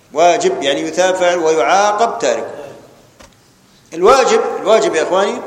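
Levantine guy teaching a religious class, high voice, stern, repeats stuff, big echoey hall. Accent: Levantine Arabic. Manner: stern, scolds students, repeats definitions. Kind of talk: lecture on Islamic jurisprudence. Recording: echoey hall with long reverb.

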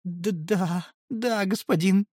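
A spoiled young elf wheezes and stammers in a hoarse, whiny voice, as a male audiobook reader puts him on. The pitch sits above the reader's own, and the sound is close and dry. A storybook bully brought low. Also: slow, darkish tone, no room sound. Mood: whimpering. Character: arrogant young male elf, cowed and whimpering.

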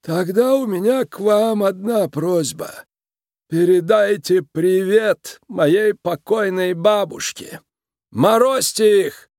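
A man voicing a tiny elderly male shrew crime boss with a creaky, commanding voice, speaking slowly in a storybook reading. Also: high-pitched, darkish tone, no echo, studio quality, voice pushed up. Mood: cold menace. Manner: slow, drawn-out menace.

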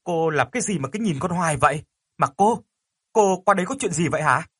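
Agitated young widow, read by a man, dry and husky. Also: fairly high pitch, big pitch swings, fast talker, bright, forceful tone, no echo, pitched above the performer's own voice, exaggerated voice. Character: frightened young widow speaking aloud.

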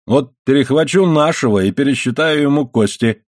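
A man voicing an angry middle-aged coal-miner father who shouts threats and drags his words out slowly. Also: medium pitch, no room sound, clean studio sound, voice pushed up, lightly acted. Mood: furious.

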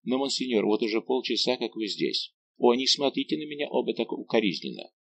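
A man reading an audiobook voices a loyal secretary who speaks in a hurried, worried way. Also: medium pitch, sing-song, creaky, a bit bright. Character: anxious, loyal male secretary.

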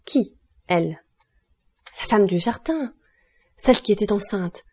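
A woman's voice: mid-range voice, animated, measured pace, a little mellow, husky. A woman voicing a frightened, agitated older male steward in an audiobook, breathless and exclamatory. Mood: panicked.

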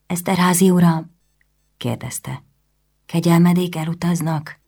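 Very deep, gravelly woman narrator. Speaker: audiobook narrator. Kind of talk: scripted audiobook narration.

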